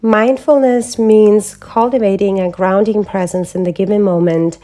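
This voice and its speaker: A woman hosting a wellness podcast, speaking as a holistic health coach in a calm, measured, reflective way from a prepared script. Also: medium pitch. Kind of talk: scripted solo podcast talk.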